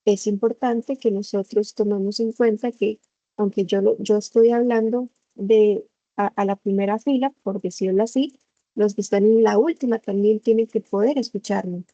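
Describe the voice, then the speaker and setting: A woman teacher explains things patiently in an online class. Her voice is mellow and rather dark. The sound is dry and a little muffled, as if it comes through a computer microphone on a video call. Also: mid-range voice, fairly even intonation, moderate pace, dry recording. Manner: patient explaining, acts out examples.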